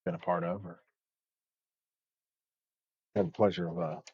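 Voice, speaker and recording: A man commentates live bowling in a loose, chatty way, pausing on fillers as he goes. His voice sits a little low, and the sound is dry and dull, like lo-fi stream audio. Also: flat delivery, husky, no room sound.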